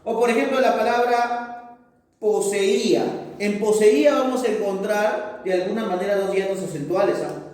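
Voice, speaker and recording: A male teacher giving a grammar lesson, explaining slowly and posing questions to himself that he then answers. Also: high voice, fairly even intonation, a little mellow. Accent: Peruvian Spanish. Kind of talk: recorded classroom lesson. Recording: echoey room, mic far off.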